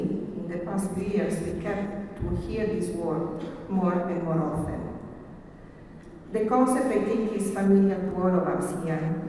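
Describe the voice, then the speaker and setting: A woman, a professor giving a formal, measured conference keynote. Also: fairly low pitch, warm tone. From Italy. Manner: formal, measured, reading from slides. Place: large conference hall. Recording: echoey hall from far off, faint hiss.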